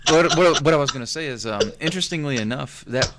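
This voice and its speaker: A man's voice: on the high side, lively intonation, fast, a loud crowd. A young man hosting a podcast, rambling in casual chat in an easygoing way, asking questions. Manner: rambling, easygoing, many restarts. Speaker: podcast host.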